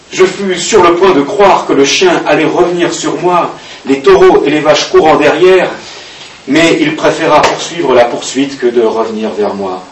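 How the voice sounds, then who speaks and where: A man reading a diary aloud in a halting, expressive way with occasional fillers, recorded at a distance in an echoey room with faint hiss. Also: mid-range voice. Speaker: reader.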